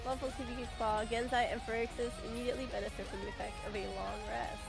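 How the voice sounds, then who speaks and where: A woman's voice: fairly high pitch, flat delivery, quick pace, vocal fry, over loud music. A woman player in a tabletop game, chatting casually and laughing often. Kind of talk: casual chat.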